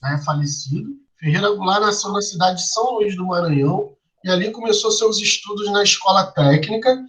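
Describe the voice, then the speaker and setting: In a low-quality recording, a man with a high, slightly bright voice teaches a class one step at a time. He quizzes the students and tacks "né?" and "tá?" onto his sentences.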